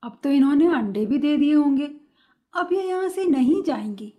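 A woman's voice: sits high, expressive, normal speed, dark tone. A woman voicing a middle-aged mother who mocks her husband in a laughing, teasing way, in a read-aloud story. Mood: serious. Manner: laughing, mocking tone.

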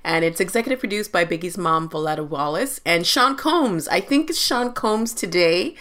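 A woman co-hosting a podcast in casual chat, talkative and quick to laugh. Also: lowish voice, expressive, a bit bright. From Canada. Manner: chatty, laughs often. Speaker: podcast co-host.

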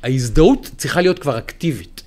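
Animated man talking politics. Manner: animated, acts out quoted people with big pitch jumps. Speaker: podcast co-host, journalist. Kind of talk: casual political chat.

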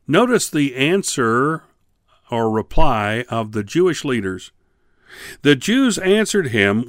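Slow steady guy teaching bible on the radio, reads verses then leans hard on the big words, very dry close sound. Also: medium pitch, dry recording. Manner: reads scripture slowly, then comments with emphatic rises.

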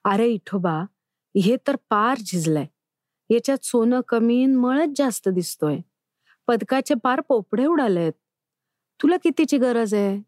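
A woman's voice: on the high side, lively intonation, darkish tone, no echo, clean studio sound. A woman voicing a male village goldsmith who is friendly but blunt in a storybook reading. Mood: matter-of-fact. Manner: brisk, matter-of-fact.

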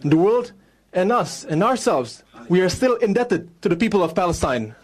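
A man's voice: high voice, big pitch swings, moderate pace. Man interpreting a speech in voice-over. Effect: translation voice-over for a speech.

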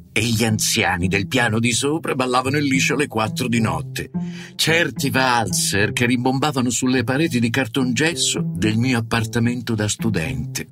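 A man narrating a short story with a wry, ironic manner. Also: medium pitch. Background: guitar music.

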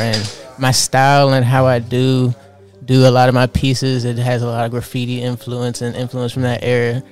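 Flat soft-spoken young man. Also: medium pitch. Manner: soft-spoken, many "like" fillers. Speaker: clothing designer. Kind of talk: casual interview answers.

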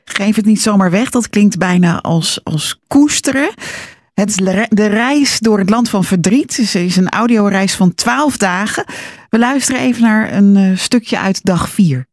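A woman hosting a radio interview, asking calm, probing questions. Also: mid-range voice, measured pace. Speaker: radio host.

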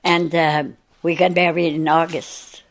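Here a centenarian from northern Maine, a native French speaker with an Acadian accent, looks back on her life during a relaxed interview. Her voice is low and her tone level, and she breaks into laughter between thoughts.

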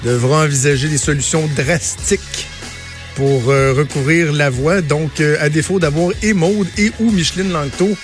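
A man's voice: on the high side, moderate pace, soft background music. A man in his thirties with a Quebec French accent, hosting casual talk radio and often repeating words as he thinks. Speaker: radio host.

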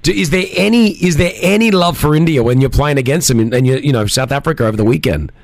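Aussie guy hosting breakfast radio, animated banter, dry close mic. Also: fairly high pitch, fast, no echo. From Australia. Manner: chatty, teasing, animated. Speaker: radio host. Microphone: studio mic.

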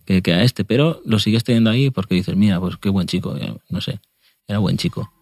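This man talks in a lowish voice, chatting loosely about football as a co-host. He laughs easily, mocks himself and often stops and restarts his sentences. The sound is close and dry, with no room behind him. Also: a little mellow, no echo. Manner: laughs often, self-mocking, halting restarts. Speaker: podcast co-host. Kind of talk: casual chat about football.

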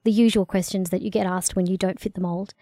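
A middle-aged woman with a country Victorian Australian accent and a noticeably creaky, mellow voice. She talks as an interview guest, articulate and wry, in a dry studio-like sound. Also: mid-range voice, steady tone, quick pace, no room sound. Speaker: guest, cross-cultural consultant. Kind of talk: conversational interview answers.

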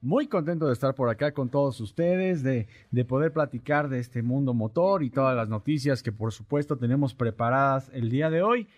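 A man's voice: medium pitch, normal speed, hardly any pauses. A man reporting car news in a polite, formal, agreeable manner. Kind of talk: casual radio show chat.

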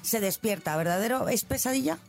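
A woman explaining things as a radio show guest, putting brisk quiz questions to the hosts. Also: fairly high pitch, expressive, vocal fry, soft background music. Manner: brisk, teacherly, asks questions to the group.

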